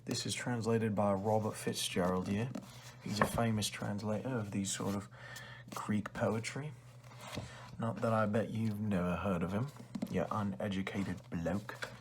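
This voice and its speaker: A man's voice: lowish voice, fairly even intonation, a little slow, noisy background. A man playing a rude, condescending librarian who sells used books, in an ASMR role-play with chummy but insulting salesman-like patter. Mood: condescending, bargaining. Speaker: ASMR performer.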